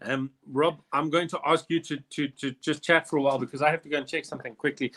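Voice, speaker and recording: A man's voice: fairly high pitch, steady tone, fast talker, a bit bright. A man, hosting a live online quiz in a chatty, rambling way with jokey asides. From South Africa. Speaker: quiz host. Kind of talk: casual live quiz chat.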